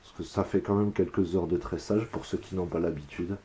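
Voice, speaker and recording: A man from France calmly explaining a craft step by step, counting his braiding moves aloud as he works. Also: low-pitched, a little fast. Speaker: whip-making instructor.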